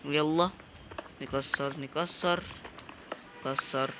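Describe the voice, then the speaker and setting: A man's voice: on the high side, steady tone, takes it slowly, noisy background. Joking Egyptian man playing a game. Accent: Egyptian Arabic. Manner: joking, chatty, talks to game characters. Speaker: gaming YouTuber. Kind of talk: casual let's-play commentary.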